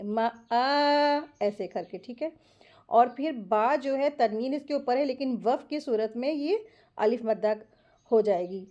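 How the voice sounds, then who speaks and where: A woman teaches Quran recitation step by step, explaining each rule quickly and then reciting words slowly as examples. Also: on the high side, warm tone, highs cut off. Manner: slow, drawn-out model recitations between quick explanations. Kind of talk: step-by-step tajweed lesson.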